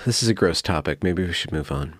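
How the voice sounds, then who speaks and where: A man's voice: sits low, animated, fast, fairly bright tone, no room sound, studio quality. A man hosting a podcast in casual chat, playful and loose, often hedging with fillers. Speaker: podcast host.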